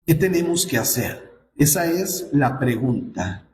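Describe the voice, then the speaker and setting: A man's voice: fairly high pitch, sing-song, takes it slowly, a little mellow, a little hiss or hum. A man preaching a sermon to his congregation, asking them rhetorical questions and reading scripture aloud. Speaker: pastor. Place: church sanctuary. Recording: echoey church room.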